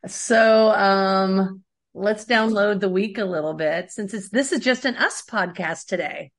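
A woman's voice: mid-range voice, takes it slowly. A woman in her thirties co-hosting a podcast, chatting casually with lots of fillers and laughter. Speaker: podcast co-host. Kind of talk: casual chat.

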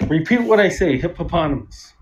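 A man's voice: a little high, animated, fairly quick, highs cut off. A man calling in to a live podcast on a call dropping out, asking again and again whether he can be heard. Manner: repetitive, insistent. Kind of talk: casual chat. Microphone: remote call. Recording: noisy, distant call line.

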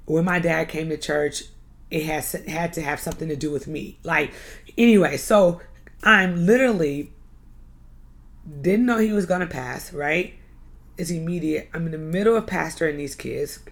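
Low gravelly woman telling a personal story. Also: normal speed. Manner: earnest, emphatic, repeats and restarts phrases. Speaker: youth pastor.

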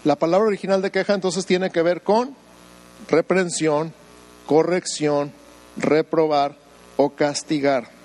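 A man's voice: fairly high pitch, fairly even intonation, measured pace, long pauses, a little mellow, poor audio. A man, preaching a sermon as pastor, firing rhetorical questions at the congregation and breaking off into humorous asides. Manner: acts out voices of doubters in quoted asides.

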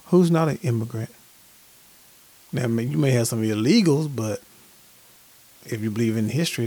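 A male podcast host with a gravelly, mid-range voice who opens with reflective rhetorical questions. He interviews his guests in a casual, conversational way. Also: medium pitch, dark tone.

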